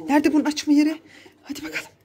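A young mother with a very high, bright voice, chatting in a casual family vlog. She coaxes and exclaims a lot and gasps often. Faint noise sits behind her voice. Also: very fast. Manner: coaxing, excitable, gasps and exclaims.

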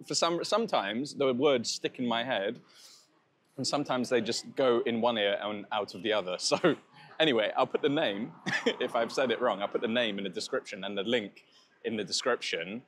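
A man's voice: mid-range voice, normal speed, fairly bright tone, slight background noise. A man tasting and describing street food in a casual food vlog, chatty and enthusiastic, laughing at himself now and then. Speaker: food vlogger. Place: restaurant and bakery in Thailand.

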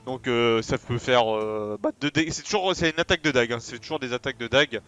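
A man giving casual, excitable commentary on a video game, rambling with slang and many fillers. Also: mid-range voice, fast talker, clean tone, faint music behind. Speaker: let's play host.

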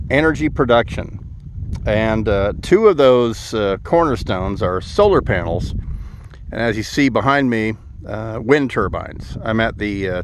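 A man's voice: medium pitch, slight background noise. A middle-aged man vlogging to a phone held at arm's length outdoors, dry and sarcastic, with many "uh" fillers. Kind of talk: sarcastic to-camera vlog. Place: outdoors at a desert wind farm.

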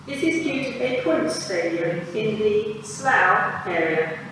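A woman's prerecorded announcement voice, with spliced-together words in measured, evenly clipped phrasing, heard over station loudspeakers on a railway platform. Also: mid-range voice, animated, reverberant, background noise. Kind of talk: automated public address announcements. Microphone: heard through station loudspeakers. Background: station ambience.

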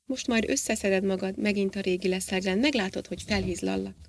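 A woman's voice: medium pitch, creaky, slight background noise, natural voice. A woman voicing a tender, anxious wife. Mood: coaxing. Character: overjoyed, anxious young wife.

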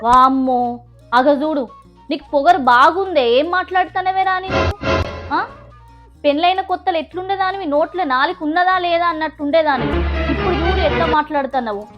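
A woman playing a nagging, sharp-tongued old mother-in-law with a Telangana Telugu accent, taunting and scolding in a comedy skit. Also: extremely high pitch, lo-fi sound. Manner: taunting, scolding, drawn-out calls. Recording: background music.

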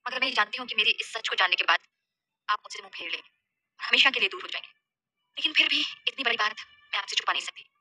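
Woman voicing a soft tearful magical girl. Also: a little high, lively intonation, quick pace, slight background noise. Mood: sorrowful. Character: sad lonely magical young woman.

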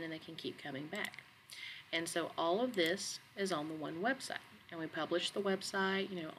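Lowish-voiced woman talking thru a screen tutorial, chatty and relaxed, bit of hiss behind. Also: low-quality recording. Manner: relaxed, conversational, with fillers. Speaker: educator giving a software tutorial. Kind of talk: screen-recorded tutorial walkthrough. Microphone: computer microphone, voice-over on screen capture.

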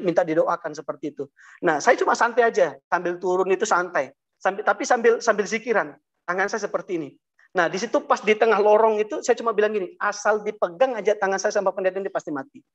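A man telling his personal testimony to an audience, talking haltingly with many fillers and restarts and often addressing them directly. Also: high-pitched, lo-fi sound. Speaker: guest giving a testimony. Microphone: video call.

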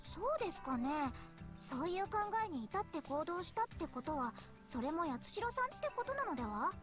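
Earnest, high-pitched office girl. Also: very animated, normal speed. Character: earnest polite young girl office worker. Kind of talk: visual novel voice acting. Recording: game music behind the voice.

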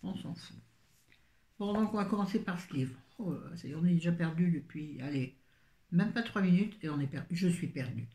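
A woman's voice: fairly low pitch, lively intonation, brisk, warm tone, echoey room. An older woman reviewing books in a casual, rambling chat full of self-mocking asides. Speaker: book vlogger.

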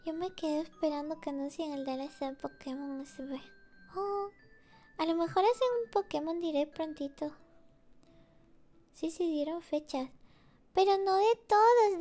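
A woman streamer chatting casually with her viewers in a cutesy, giggly, sleepy and soft voice. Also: very high voice, gravelly. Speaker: VTuber streamer. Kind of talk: relaxed casual chat with viewers. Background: faint music.

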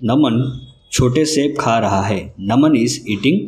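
A man giving a scripted vocabulary lesson, speaking slowly and deliberately and spelling words out letter by letter. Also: mid-range voice, a little mellow. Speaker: vocabulary teacher. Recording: roomy echo with faint music.

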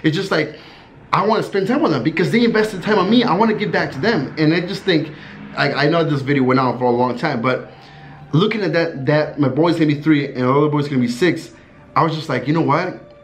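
Earnest rambling man, slightly high voice. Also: fairly quick. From USA. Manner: rambling and earnest, heavy on fillers; laughs while recalling stories. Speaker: vlogger. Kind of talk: casual talk to camera.

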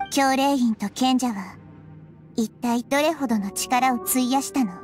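A woman voicing a small, child-like goddess of wisdom, calm, thoughtful and measured, for an anime-style game. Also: sits high. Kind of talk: Japanese anime game voice acting.

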